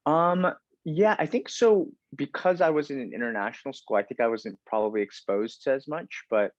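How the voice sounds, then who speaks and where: Speaking at a normal speed in a medium pitch, this American man in his thirties is a chatty podcast guest who keeps using fillers and restarting sentences. The audio is dull, with no echo.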